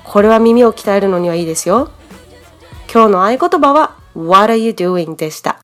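A woman's voice: medium pitch, animated, brisk, soft background music. A woman from Japan hosting a podcast English lesson, explaining in a friendly, chatty way. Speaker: English teacher, podcast host.

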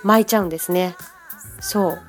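A woman's voice: fairly low pitch, steady tone, faint music behind. Chatty Japanese woman teaching English. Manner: chatty, switching between Japanese and slow careful English. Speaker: podcast host and English teacher. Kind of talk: pronunciation lesson podcast.

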